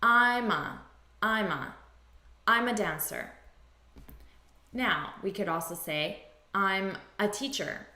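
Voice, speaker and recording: Slow, bright-voiced woman teaching English. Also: mid-range voice. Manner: slow, deliberate, repeats example phrases. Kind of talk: language lesson. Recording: echoey room.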